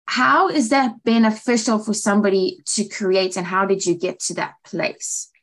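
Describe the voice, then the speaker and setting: An American woman, co-host and director of training, speaks at a moderate pace in a steady, medium-pitched, slightly bright voice during a casual chat for writers. She's upbeat and affirming, leaning on casual fillers, especially "like." The recording is rough.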